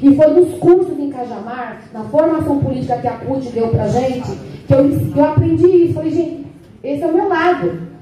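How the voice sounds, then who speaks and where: A woman's voice: sits high, animated, normal speed, crowd noise. A woman in her sixties giving a candid, emotional personal testimony at a union meeting. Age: 60s. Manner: emotional, candid, tearful at times. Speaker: union founder speaking at a meeting. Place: meeting hall. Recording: echoey hall, voice from far off, noisy.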